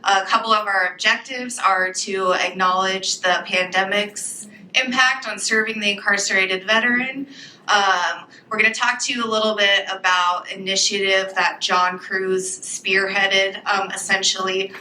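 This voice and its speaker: Very bright, sharp-voiced woman presenter. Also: medium pitch, fairly even intonation, a little slow, slight background noise. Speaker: workforce agency presenter. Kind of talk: informal conference presentation. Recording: echoey room with background ambience.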